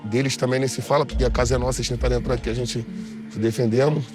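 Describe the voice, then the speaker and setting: A man's voice: mid-range voice, steady tone. A man, his voice electronically altered to hide his identity, answering interview questions bluntly. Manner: blunt, matter-of-fact, talks fast. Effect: electronically altered voice to disguise identity. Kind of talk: casual interview. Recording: music playing under the voice.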